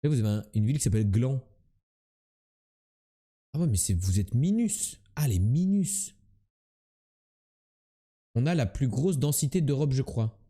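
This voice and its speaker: A young man streaming quiz games live, loud and teasing as he talks to his chat. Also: medium pitch, animated, measured pace, long pauses, slightly rough.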